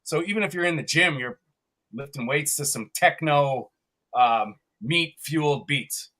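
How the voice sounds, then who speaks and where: A man's voice: on the high side, unhurried, pushed and bright. Upbeat, chatty Canadian man hosting. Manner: upbeat, chatty, laughing, rambling. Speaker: podcast co-host. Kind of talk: live podcast chat.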